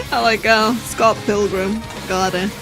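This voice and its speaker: A woman's voice: medium pitch, rough recording. A woman livestreamer giving casual live reaction commentary with dry, offhand remarks. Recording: clear music in background.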